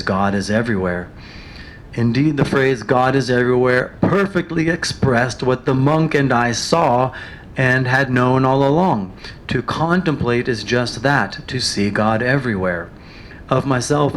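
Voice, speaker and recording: A man's voice: mid-range voice, a little hiss or hum. Man reading aloud with musing asides. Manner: reads quoted passages, then paraphrases with pauses and fillers. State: dry throat. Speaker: reader of a biography.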